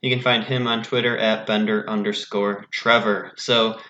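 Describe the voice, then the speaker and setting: Male podcast host, bright and forward, fuzz-distorted mic in a roomy space, upbeat casual recap delivery. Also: fairly low pitch, flat delivery, moderate pace, lo-fi sound. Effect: fuzzy distorted microphone. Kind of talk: casual sports podcast chat.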